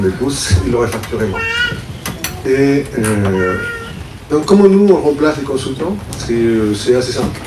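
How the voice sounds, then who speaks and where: A man from Mexico gives a founder's pitch to a room, explaining in a loose, thinking-aloud way. His voice sits at an ordinary middle pitch. It is caught from a distance, with echo and steady background noise. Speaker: startup founder. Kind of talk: conference pitch talk. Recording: roomy, distant mic, audible room noise.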